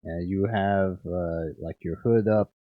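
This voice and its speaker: A male game master narrates a tabletop game in a low, deep voice. He speaks slowly and haltingly, restarting his sentences often. The sound is dry and close, with no room in it. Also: steady tone, dry recording, narrow, tinny audio. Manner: halting, hesitant, many restarts.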